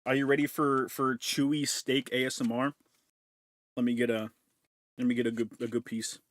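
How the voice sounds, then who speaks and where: A man's voice: mid-range voice, monotone, normal speed, no echo. A man streaming from home, chatting casually and crudely with his chat while eating and chewing into a desk mic. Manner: crude, joking, talks while chewing food. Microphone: desk mic with noise removal.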